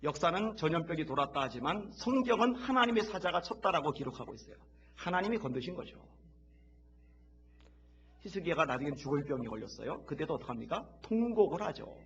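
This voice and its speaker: A man preaching a sermon as pastor in a church, leading the congregation to repeat after him and rising from quiet talk to loud, impassioned shouts. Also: a little high, very animated, a little fast, muffled recording. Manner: leads the congregation in call-and-repeat. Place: church sanctuary.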